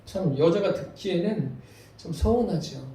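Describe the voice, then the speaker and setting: A man's voice: sits high, expressive, unhurried, warm tone. A male pastor preaching a sermon in a church, asking the congregation rhetorical questions. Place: church sanctuary. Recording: very echoey church hall, voice from far off.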